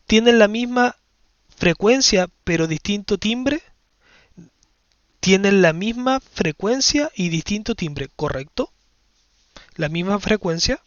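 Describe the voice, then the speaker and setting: A man with a fairly high voice explains physics to his class, step by step, checking that students follow. The recording is dry and a little dull. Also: no echo. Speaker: science teacher. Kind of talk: physics lesson explaining exam questions.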